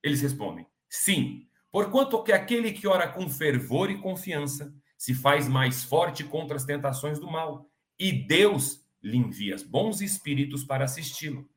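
A man's voice: on the high side, big pitch swings, unhurried, hardly any pauses. Earnest preaching man in echoey room. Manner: earnest, preachy, with joking asides. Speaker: spiritist program speaker. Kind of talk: informal religious teaching.

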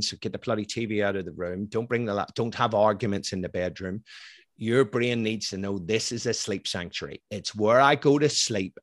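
An Irish man speaks as an expert guest in a casual interview. His voice sits on the low side and he talks with emphatic energy, often repeating words as he gets going. The sound is dry and close, with no room around it. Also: fairly bright tone, dry recording. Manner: emphatic, repeats words when starting sentences.

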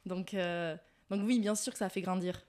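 A woman's voice: on the low side, fairly even intonation, normal speed, darkish tone. This is a woman in her twenties speaking with a Southern French accent. She is a podcast guest who talks in a loose, chatty way. She tells her stories with a self-mocking touch. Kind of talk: casual podcast chat.

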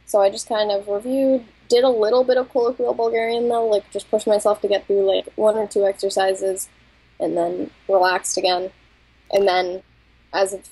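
A woman's voice: mid-range voice, warm tone, breathy edge, poor audio. A woman co-hosting a language-learning podcast, talking candidly and casually, a bit self-conscious, laughing often. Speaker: podcast co-host. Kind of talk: casual chat.

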